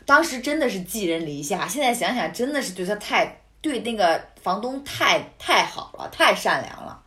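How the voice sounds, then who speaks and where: A woman recounts a story in relaxed, casual conversation. Her pitch swings widely as she tells it, and she breaks into indignant, animated outbursts. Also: moderate pace. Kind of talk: casual chat.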